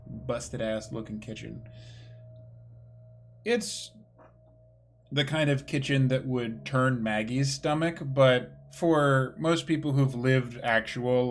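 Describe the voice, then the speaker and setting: A man running a tabletop game as game master, narrating in a relaxed, chatty way. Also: medium pitch. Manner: relaxed, chatty, laughs easily.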